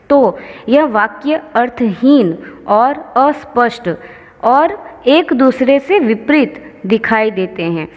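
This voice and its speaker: A woman teacher explains grammar with slow, patient care, going over every example. Her voice sits a little high. The sound is dull and lo-fi, with a long reverb trailing each word. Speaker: school teacher.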